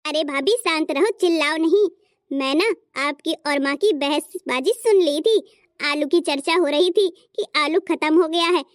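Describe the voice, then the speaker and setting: A woman's voice: high voice, unhurried, no echo, studio quality. A woman voicing a sweet teenage sister-in-law. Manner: earnest, pleading. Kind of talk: cartoon story voice acting.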